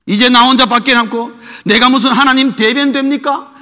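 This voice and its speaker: A weary prophet pleading, as a preacher puts him on. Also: male voice, very high voice, steady tone, normal speed, pushed and bright. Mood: pleading lament. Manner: pleading, complaining to God. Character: weary despairing prophet, adult man, lamenting. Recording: echoey hall with long reverb.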